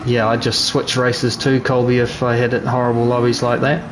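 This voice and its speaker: A man with a New Zealand accent commentating his own sim racing live, chatty and relaxed, answering chat. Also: medium pitch, moderate pace, noisy background. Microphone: gaming headset.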